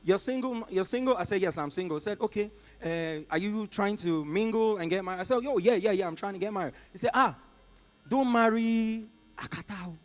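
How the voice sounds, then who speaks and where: Telling a story on stage at a comedy club, this high-voiced Nigerian stand-up jumps into short, quick impressions of each caller and agent involved. His exclamations come out loud and punchy.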